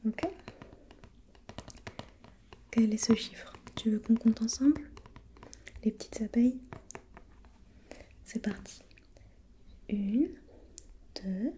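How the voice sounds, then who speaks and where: Here a woman whispers softly and breathily as a patient, gentle preschool teacher, offering quiet encouragement and soft repetition. Her voice is a little high, and there's a slight hiss or hum in the recording.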